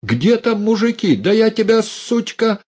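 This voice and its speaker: A man's voice: high-pitched, very animated, unhurried, a little mellow, pitched above the performer's own voice, exaggerated voice. A man voicing a blustering balding old uncle who sputters with rage and shrieks threats. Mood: outraged, sputtering.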